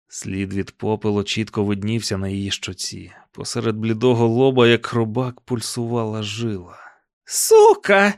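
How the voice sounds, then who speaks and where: A man narrating an audiobook in a calm, even storytelling manner. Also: mid-range voice, no echo, clean studio sound. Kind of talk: scripted narration.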